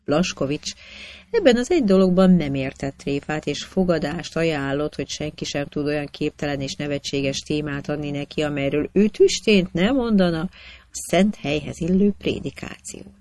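A narrator reading historical anecdotes aloud with a measured storytelling cadence. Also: mid-range voice, a little mellow.

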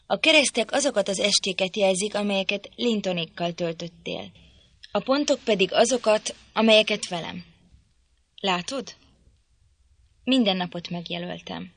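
A woman's voice: mid-range voice, gravelly, fairly bright tone, dry recording. A woman voicing a brooding, resentful young man in an audiobook, speaking in a heated, reproachful way. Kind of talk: audiobook reading.

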